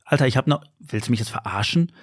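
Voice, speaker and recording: A man with a voice of middling pitch, co-hosting a casual podcast chat. He jokes dryly, often playing up mock outrage. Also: animated, fast, breathy edge. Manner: dry joking, mock indignant. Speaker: podcast co-host.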